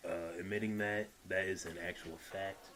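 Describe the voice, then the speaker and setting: A man's voice: low voice, fairly even intonation, moderate pace, crowd noise, rough recording. A man streaming, commenting casually and hesitantly with many fillers.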